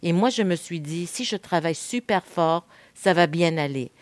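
A woman in her fifties from Quebec, whose first language is Spanish, speaks as a guest in a candid interview. She talks earnestly and reflectively and often pauses with "euh". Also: lowish voice, dry recording. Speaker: guest, veteran TV host.

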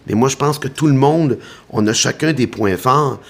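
A man's voice: medium pitch, moderate pace, gravelly. Blunt Quebec man with a mid-range voice. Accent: Quebec French. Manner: blunt and opinionated, emphatic. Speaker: comedian guest. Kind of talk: frank conversation over a meal.

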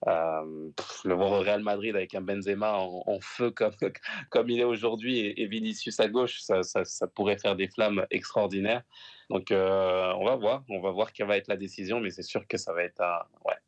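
A man, a former player, talking soccer in a casual panel, measured and thoughtful. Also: on the low side, fairly even intonation, dry recording. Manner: measured, thoughtful, drops fillers.

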